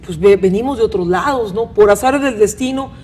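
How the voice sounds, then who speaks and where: A talk show host from Monterrey, northern Mexico, leads a conversational panel interview with a northern Mexican accent, rambling and questioning with frequent tag questions. Her voice is medium-pitched, a little fast and a little mellow, with slight hiss or hum.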